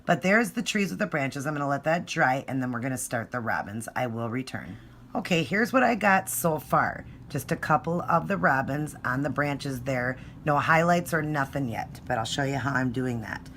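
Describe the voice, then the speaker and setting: A woman's voice: rumbling low, animated, moderate pace, a bit bright. A woman presents a casual how-to in an informal, chatty way. She thinks aloud as she goes through each step. It is a homemade phone recording with noticeable noise behind her. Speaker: nail art tutorial presenter. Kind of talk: casual step-by-step craft tutorial. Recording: noisy home phone recording.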